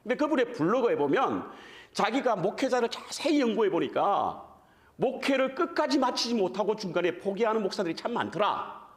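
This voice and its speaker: A man's voice: high-pitched, brisk. A man preaching a revival sermon as guest preacher, in a conversational style that keeps putting questions to the congregation. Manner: animated, addresses the congregation with frequent questions; conversational, self-deprecating asides.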